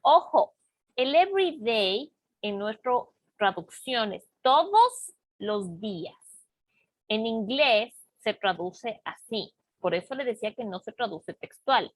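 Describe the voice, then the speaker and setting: A woman teaching an English class, explaining grammar slowly and patiently and checking often that students follow. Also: fairly high pitch, no echo. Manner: slow, patient explaining with frequent check-ins. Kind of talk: online class lesson.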